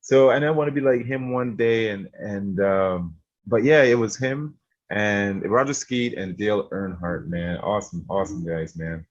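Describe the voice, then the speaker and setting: A man's voice: lowish voice, moderate pace, lo-fi sound. A man from Barbados, a gaming streamer, chatting casually in an interview, laid-back and laughing often. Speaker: streamer guest.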